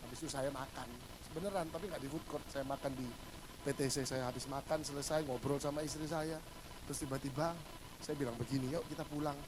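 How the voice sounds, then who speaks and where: A male pastor giving a humorous sermon, telling stories and acting out the dialogue, swinging between loud bursts and hushed asides. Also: medium pitch, steady tone, quick pace, background noise.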